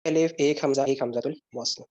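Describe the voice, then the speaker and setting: A man's voice: medium pitch, fairly even intonation, a little mellow. Man teaching grammar in a dull recording. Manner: explains step by step, asks and answers his own questions. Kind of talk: online lecture with student questions. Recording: dull lo-fi sound.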